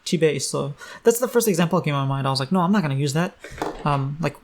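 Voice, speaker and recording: A man's voice: on the high side, lively intonation, rapid-fire, a little hiss or hum. A man teaching a language in a casual online lesson, loose and chatty with many ums.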